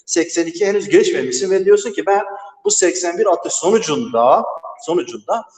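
Guy teacher, high voice, explaining math slowly, alone in a huge empty classroom so everything echoes like crazy. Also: expressive, a little mellow. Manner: patient step-by-step explaining, keeps asking "right, friends?". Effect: strong echo of a big empty room. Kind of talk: recorded math lesson.

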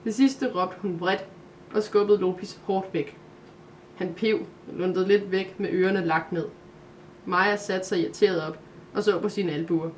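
Calm and steady, a woman with a medium-pitched voice reads a Christmas calendar story aloud. A little background noise can be heard.

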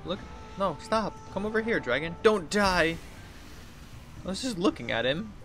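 A gaming streamer in his thirties offers casual, playful commentary over game music, exaggerating his read-outs and getting exasperated easily. His voice is high and expressive, slightly bright, moving at a normal speed.

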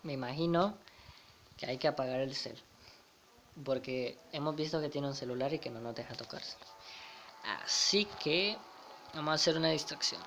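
A man's voice: a little high, normal speed, pauses often, a bit bright, a little hiss or hum. A young man with a Spain Spanish accent commenting casually over a game, chuckling and reading the dialogue aloud. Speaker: gamer. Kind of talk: let's play commentary.

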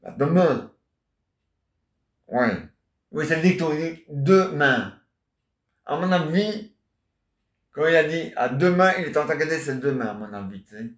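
An amateur solo stage performer with an expressive, higher-than-average voice delivers a rambling improvised comic monologue at a measured pace, pausing often. He chats away, answers imagined listeners, tacks on questions and constantly says "hein?" and "ah ouais", all in an echoey room.

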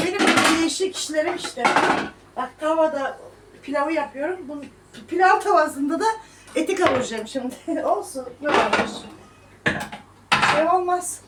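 In her cooking vlog, this high-voiced woman in her thirties chats with viewers and laughingly scolds and mocks her critics. The mic is distant, picking her up a little away from the phone, and her echoey kitchen carries faint room noise.

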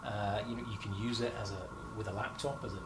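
Hosting a corporate product interview while standing in a company lab, a young marketing host keeps things chatty and upbeat, with plenty of fillers. His voice is on the low side with a steady tone and a quick pace. Lab noise sits in the background.

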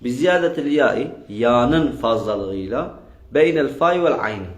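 A man's voice: mid-range voice, lively intonation, unhurried. A man teaching a grammar lesson, drilling his students with questions and repeating their answers. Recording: echoey room.

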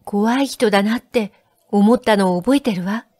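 A woman voicing a shy, tender young woman who speaks softly and tearfully in a storybook reading. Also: medium pitch, normal speed, no room sound, clean studio sound, natural voice. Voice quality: soft, hushed.

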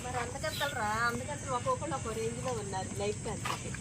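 A woman chatting casually outdoors while feeding puppies, scolding them in a lively way. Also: a little high, fast, heavy background noise. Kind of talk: casual family chat. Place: outdoors by a road at night.

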